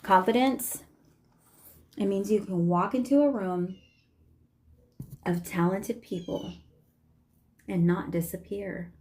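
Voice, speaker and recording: A woman talks slowly and deliberately, leaning on each phrase as she gives an encouraging faith-based monologue. Some words sink to a soft near whisper, and her pitch sits in an ordinary middle range. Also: huge pitch swings. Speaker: vlogger.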